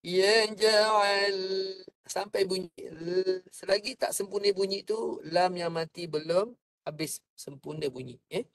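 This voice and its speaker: A man teaching Quran recitation. He explains each point calmly and sings the verses in a drawn-out chant for students to copy. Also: sits high, vocal fry. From Malaysia. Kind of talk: slow patient recitation lesson. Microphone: online class microphone.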